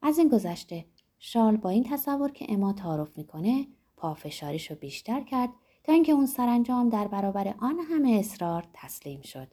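A woman reading a classic novel aloud in measured, expressive narration. Her voice is husky and mellow. Her pitch moves in lively rises and falls. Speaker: audiobook narrator. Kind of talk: scripted literary narration.

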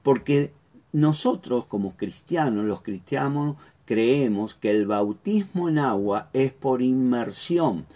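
Slow halting male Bible teacher. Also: mid-range voice, expressive, warm tone. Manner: halting, repeats words, checks in with "¿sí?". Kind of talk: Bible study lesson.

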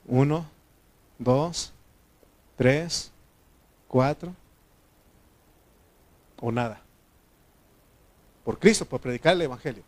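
A man's voice: mid-range voice, slow, long pauses. A man preaching a sermon in a conversational way, often asking the congregation questions. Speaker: pastor.

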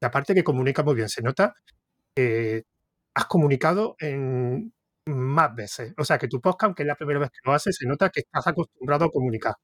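Interviewing in a chatty, casual style, this Córdoba-born host speaks Spanish with an Andalusian accent and wanders, hesitant, often starting his thoughts over. His mid-range male voice is expressive, a bit bright, and a little fast, in clean studio sound without echo.

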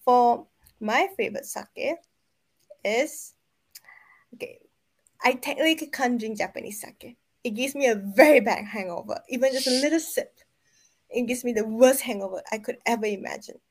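Rambling woman co-host, fairly high voice. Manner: rambling, halting, self-correcting. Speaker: podcast co-host. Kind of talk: casual podcast chat.

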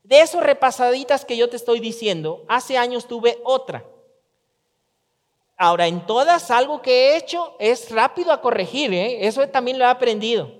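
A pastor delivers a sermon in a relaxed, talky way, slipping into little voiced quotes. His voice sits high for a man. The sound carries a long church-hall reverb. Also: moderate pace. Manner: conversational preaching with acted-out quotes.

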